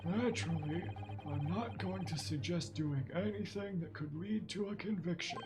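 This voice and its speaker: A courteous elderly professor with a raised, formal voice, as a man puts him on. He speaks in careful, measured sentences, with game music playing clearly behind him. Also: high voice, close to an everyday voice, rough recording. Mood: grave.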